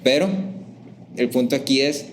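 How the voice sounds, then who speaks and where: A man's voice: mid-range voice, moderate pace, slight background noise. Man teaching a church class, conversational. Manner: lively, acts out sample phrases in raised voices; conversational, asks the class questions.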